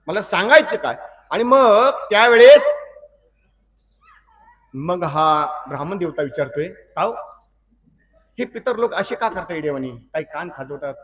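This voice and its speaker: A man's voice: high voice, fairly bright tone, recorded from a distance. A preacher from Maharashtra giving a storytelling sermon, acting out dialogue between the characters and asking his listeners rhetorical questions before repeating a line. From Maharashtra, India. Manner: asks the audience rhetorical questions and repeats lines.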